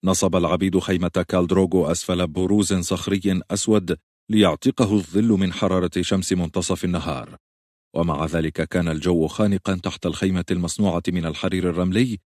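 Guy with a really low voice reading a fantasy audiobook, dry close sound. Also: fairly even intonation, fast talker, darkish tone, no room sound. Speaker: audiobook narrator. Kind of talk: scripted audiobook narration.

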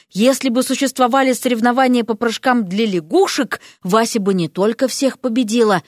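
A woman reading a fantasy story aloud with lively, expressive narration. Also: a little high, no echo, clean studio sound. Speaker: audiobook narrator.

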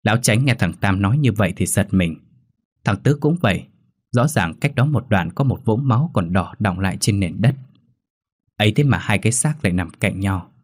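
A man narrating a ghost story in a steady, measured reading voice. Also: fairly low pitch, dry recording, clean studio sound.

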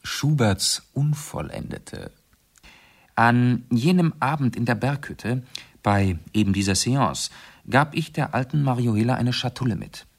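In a German radio play, a man with a mid-range voice portrays a polished, confident aristocrat who solves mysteries as a hobby. He explains things with theatrical precision at an unhurried pace, sounding composed and pleased with himself.

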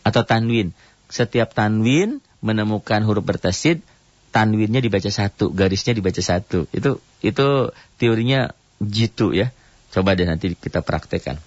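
A man's voice: no echo, lo-fi sound. Man teaching recitation on the radio. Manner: explains rules in short phrases, then chants verses slowly and higher. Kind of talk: radio tajwid lesson.

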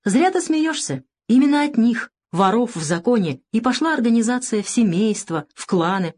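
A woman's voice: fairly high pitch, animated, normal speed, a little mellow, voice pushed up. A woman reading the lines of a streetwise male convict who lectures his cellmate with a wary, worldly manner. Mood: instructive. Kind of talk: audiobook character reading.

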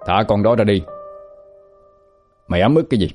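A man's voice: fairly low pitch, animated, moderate pace, darkish tone, faint music behind. A man voicing a cruel, swaggering male loan shark in a spoken story, talking in a taunting, contemptuous way. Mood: gloating.

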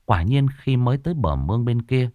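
A man's voice: medium pitch, very animated, a little fast, warm tone, no room sound. A man narrating a ghost story with dramatic, varied storytelling delivery.

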